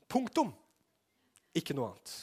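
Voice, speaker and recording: Man, preacher, high voice, fervent, shouting and hushed by turns, sermon. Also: huge pitch swings, husky. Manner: fervent, often shouting, with swings between loud and hushed.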